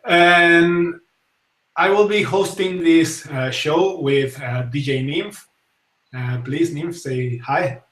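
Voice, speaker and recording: A man's voice: on the high side, takes it slowly, a bit bright, distant mic. Spanish-accented man hosting a live show. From Spain. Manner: hesitant, many fillers and restarts. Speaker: talk show host. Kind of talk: casual live-stream talk show. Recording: echoey room, voice set back from the mic.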